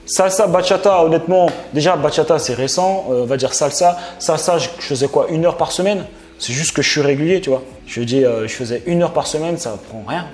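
Young male vlogger, casual and rambling, lots of fillers, mid-pitched voice. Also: darkish tone. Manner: chatty, many fillers and restarts, addresses viewer with "tu vois". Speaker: entrepreneur vlogger. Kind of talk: casual spontaneous talk to camera.

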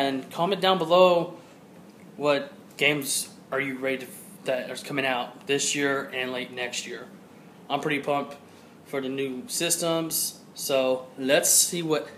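A man's voice: on the high side, fairly bright tone, slight background noise. A man, from Georgia, chatting casually and rambling upbeat into a handheld camera for his vlog. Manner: rambling, upbeat, repeats himself. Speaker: vlogger.

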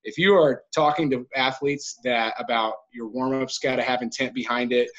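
A man, a baseball coach, speaking in a measured, hesitant way on a video call. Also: medium pitch, fairly even intonation, fairly bright tone, a little hiss or hum. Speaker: high school baseball coach. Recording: dull video-call audio.

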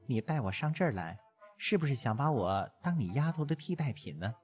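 A man's voice: mid-range voice, sing-song, normal speed, a little mellow, faint music behind, close to an everyday voice. A man voicing a playful, coquettish young woman in an audiobook, pouting and teasing.

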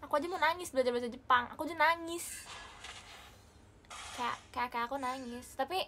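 A young woman with an Indonesian accent, chatting casually and excitably with viewers on a livestream, mixing in English phrases. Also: high voice, a little fast, background noise. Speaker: idol livestream host.

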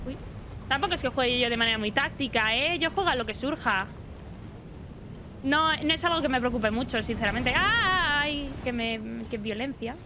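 A young woman streamer with a high-pitched, animated voice gives playful live gameplay commentary at normal speed, talking to the enemies and the game boss. She frequently yelps in surprise and swears when hit, over game music and a noisy background.

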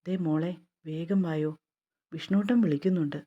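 A woman doing a brisk, coaxing elder sister. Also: low voice, steady tone, muffled recording.

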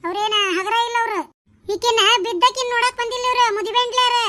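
A woman voicing shrill gossiping village women. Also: fairly even intonation, sharp tone, no room sound, studio quality. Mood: bickering. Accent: North Karnataka Kannada. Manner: quick scolding village banter, exclamatory. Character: bickering gossipy village women, nosy and sharp-tongued. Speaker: voice of a cartoon series. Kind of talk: village gossip cartoon voice acting.

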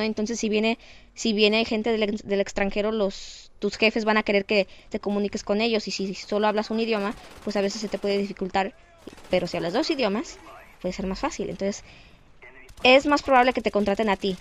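A teenage girl with a Mexican Spanish accent, talking in a chatty, lively, self-mocking way in a casual vlog. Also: medium pitch. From Canada. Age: teens. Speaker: vlogger.

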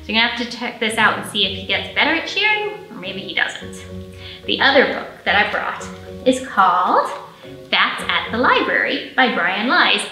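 This thirty-something librarian sounds very animated, her voice a little high and sharp as she moves at a moderate pace through a children's storytime. Recorded ahead of time for online viewing in an indoor library room, the clip carries soft background music and a roomy echo while she speaks expressively straight to young kids.

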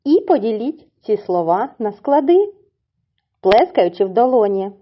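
A woman's voice: mid-range voice, big pitch swings, highs cut off. A woman teaching a lesson to small children in a coaxing, sing-song tone, drawing words out syllable by syllable. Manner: slow, syllable-by-syllable pronunciation. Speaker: preschool teacher.

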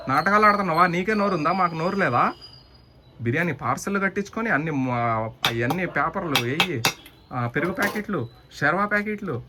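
A man's voice: high-pitched, sharp tone, a little hiss or hum. Teasing mock-indignant young man. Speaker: comic vlogger. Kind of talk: comic banter sketch.

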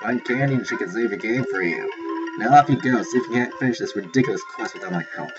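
A man's voice: medium pitch, fast, close to an everyday voice. A man reading as a grumpy old ape. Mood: scolding. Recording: lo-fi capture with game music.

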